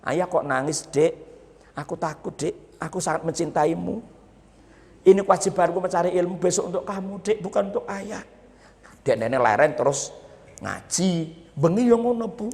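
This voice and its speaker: A man's voice: high-pitched, moderate pace, gravelly, darkish tone, in a large hall. A man with a Javanese accent giving a humorous Islamic sermon at a boarding school, teasing the audience as he preaches. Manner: jokey, teasing the audience, mixing Javanese and Indonesian.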